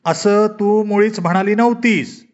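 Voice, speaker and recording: Reader doing an exasperated bossy dad, raised and snappish, dull recording. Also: male voice, sits high, expressive, fast, voice pushed up. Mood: irritated. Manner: snappish and shouting. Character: irritable bossy middle-aged husband.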